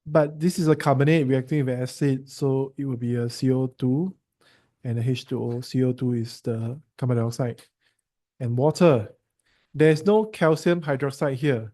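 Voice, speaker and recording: Tutoring a student through a science lesson, this man speaks with a Singaporean English accent at a medium pitch and moderate pace. His tone is steady and warm as he quizzes the student and teases him in a chatty way.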